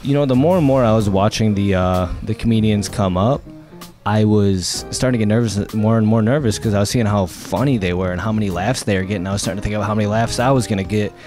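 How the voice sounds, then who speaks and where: Young male comic in a casual interview, easygoing and rambling, lowish voice. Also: fast, a little mellow, faint music behind. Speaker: comedian being interviewed.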